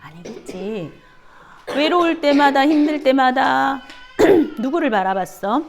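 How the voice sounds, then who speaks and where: A woman preaches to children at Sunday school, keeping them engaged with a stream of questions and dramatic gasps. Her voice sits fairly high and swoops widely in pitch. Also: slow, vocal fry. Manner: animated, asks children questions, gasps for effect. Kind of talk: children's sermon with questions to the kids.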